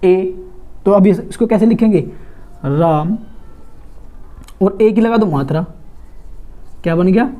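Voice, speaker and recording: A woman's voice: medium pitch, takes it slowly, pauses often, lo-fi sound. Woman teacher drilling students with questions. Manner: asks questions and answers them herself, repeating and drawing out sounds. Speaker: Hindi teacher. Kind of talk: grammar lesson for exam students.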